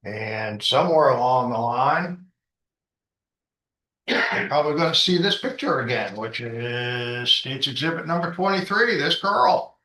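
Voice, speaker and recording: A man questioning witnesses as a lawyer in court, phrasing things informally and haltingly. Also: medium pitch, expressive, pushed and bright, low-quality recording. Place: indoor courtroom.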